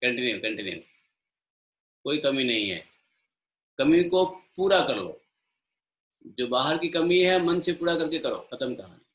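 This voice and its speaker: A middle-aged Indian man leads a live yoga class online, switching between Hindi and English as he coaches students by name. His voice is bright and his pace unhurried. The sound is echoey, as if in a bare room. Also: medium pitch, big pitch swings. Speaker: yoga teacher.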